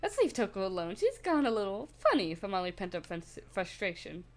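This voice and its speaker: Chatty woman streamer, lively voice. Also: mid-range voice, fairly quick. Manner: chatty, laughing, swears casually. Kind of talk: casual game commentary.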